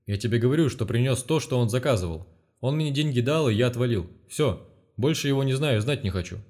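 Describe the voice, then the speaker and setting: A man voicing a shifty, evasive male street dealer in an audiobook, with a wheedling, higher voice. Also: expressive, brisk, a little mellow, close to an everyday voice. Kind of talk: audiobook character reading.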